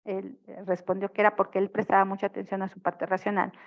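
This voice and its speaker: Over dull audio, a woman talks fast in a mid-range voice with little pitch movement. In this online lecture on family therapy, she explains concepts and keeps checking in with her students.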